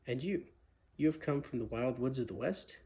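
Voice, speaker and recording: A man's voice: mid-range voice, animated, moderate pace, a little mellow, slightly rough. A man voicing a polite, flustered male fawn in a storybook reading, repeating himself in his courteous, wistful way.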